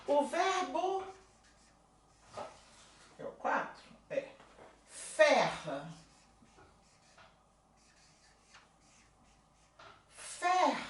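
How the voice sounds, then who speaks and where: Brief: woman French teacher, higher voice that leaps around, leisurely pace, always checking in with viewers. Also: distant mic. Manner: slow, drawn-out model pronunciations with lively coaching asides; frequent tag questions to viewers. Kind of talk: online language lesson. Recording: roomy echo, voice a bit off-mic.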